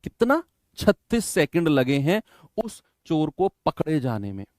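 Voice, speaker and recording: A man's voice: fairly high pitch, big pitch swings, unhurried, a little mellow, no room sound, clean studio sound. A man teaching an exam-prep math lesson in Hindi, coaching students in a chatty way and often checking with "है ना?".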